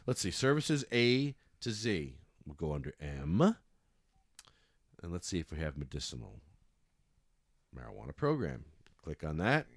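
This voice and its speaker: This host of a laid-back call-in podcast has a voice on the low side, recorded with no echo. Guiding a caller through a website, he gets frustrated and flares up, swearing and apologizing.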